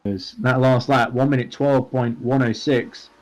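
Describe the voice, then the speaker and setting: A man's voice: medium pitch, steady tone, measured pace. A man giving live commentary on a sim race, working through gaps and strategy with frequent fillers.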